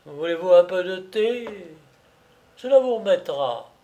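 A man reading aloud and voicing a jovial, smooth-talking gentleman thief with mocking politeness. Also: high-pitched, expressive, a little slow, lo-fi sound, voice pushed up.

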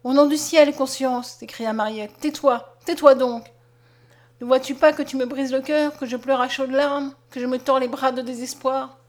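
A woman reads a passionate nineteen-year-old peasant girl from a storybook, pleading and close to tears. The voice is high and ringing, pushed out with feeling. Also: level tone, moderate pace, a little mellow, natural voice. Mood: anguished. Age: young adult. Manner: impassioned, pleading, tearful. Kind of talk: audiobook character reading.

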